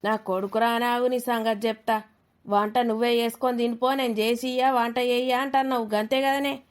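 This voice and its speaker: A quarrelsome old village grandmother in a cartoon, played by a woman bickers and taunts. Her voice sits slightly high. She sounds like a grandmother who loves a squabble. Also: little pitch movement, moderate pace, natural voice. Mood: taunting. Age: older.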